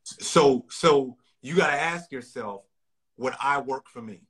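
A man hosting a podcast, giving energetic, preachy productivity advice full of rhetorical questions. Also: mid-range voice, slow, husky. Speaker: podcast host. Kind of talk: casual podcast chat.

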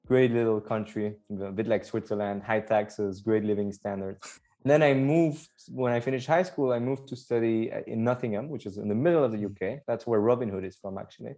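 A young Belgian startup co-founder chats upbeat as a guest on a casual podcast interview, explaining at length with plenty of fillers. His voice is fairly low, brisk and mellow.

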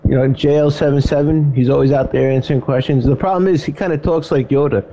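A man's voice: mid-range voice, steady tone, quick pace, dark tone. A man with a Brooklyn accent chatting casually as a radio host, blunt and joking, saying "you know" often, over a noisy voice channel. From Brooklyn, New York. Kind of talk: casual chat.

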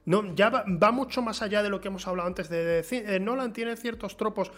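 A man hosting a casual film chat, relaxed and explanatory as he steers the conversation. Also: high voice, brisk. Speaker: host.

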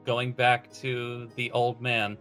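A man's voice: medium pitch, monotone, takes it slowly, a bit bright. A man with a mid-range voice chats as a tabletop player. He is casual and hesitant, restarting his thoughts, with guitar music behind. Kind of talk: casual game chat.

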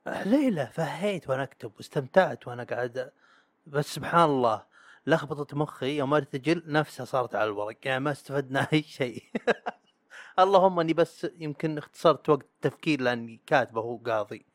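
A man's voice: medium pitch, fast, no room sound. A man hosting a solo podcast, talking casually and partly reading from a script. He trips over words and laughs at himself. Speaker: podcast host.

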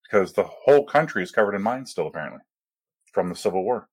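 A man with a fairly low voice and a touch of huskiness tells anecdotes in casual chat. The sound is dry, with no room to it, as he recounts his travels. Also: expressive, fast talker, slightly rough, no room sound.

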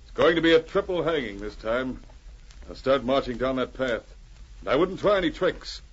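An actor playing a heroic, commanding Mountie sergeant in an old-time radio drama, firm and authoritative. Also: male voice, medium pitch, expressive, moderate pace, slightly rough. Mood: triumphant, firm. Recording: muffled, hissy old radio recording.

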